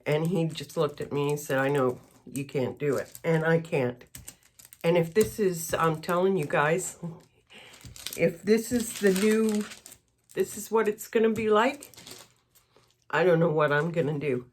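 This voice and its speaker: Slow-talking, lower-voiced middle-aged Canadian woman. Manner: rambling, candid, slightly emotional. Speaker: craft vlogger. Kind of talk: casual chat while crafting.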